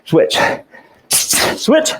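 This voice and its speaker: A man's voice: very slow, fairly bright tone. A man coaching a boxing workout, calling short punch combinations in rhythm with effort in his voice as he hits a punching bag. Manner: exerting himself, with grunts and puffed exclamations.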